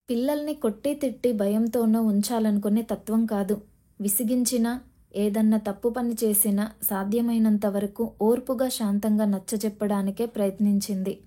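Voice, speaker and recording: Woman reading a family story, mellow tone. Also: medium pitch. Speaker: audiobook narrator. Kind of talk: scripted storybook narration.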